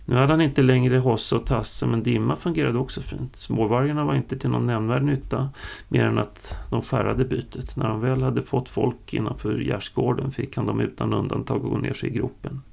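Gravelly-voiced male storyteller. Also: mid-range voice, fairly even intonation, a little mellow. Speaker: narrator. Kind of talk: audiobook story reading.

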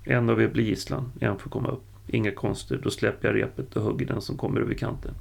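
A tall exiled king, once a ruler and now an outlaw trapper, speaks in a deep voice full of gravel and grit, as a male storyteller puts him on. He is measured and cryptic, and his voice is hoarse and husky. It is an audiobook-style story reading. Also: steady tone, full character voice. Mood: calm, scheming. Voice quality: deep, low voice.

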